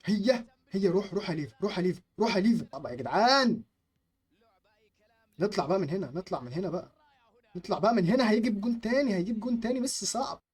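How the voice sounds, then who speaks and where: A young man with an Egyptian Arabic accent, giving live gameplay commentary, excitable, chanting at the screen and muttering to calm himself. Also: high voice, racing, husky. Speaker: gaming YouTuber.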